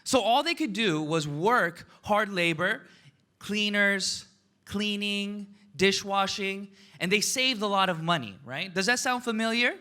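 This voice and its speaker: With a high, sharp voice and an unhurried pace, an American motivational speaker runs a seminar talk. He keeps asking the audience questions and ends his points with "right?" and "okay?".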